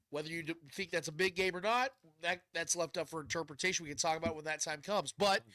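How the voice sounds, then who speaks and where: A man's voice: fairly high pitch, pushed and bright, no room sound. A man hosting a casual sports talk show in chummy, blunt slang, with a congested, nasal voice as if his nose were packed. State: stuffed up, can't breathe through nose.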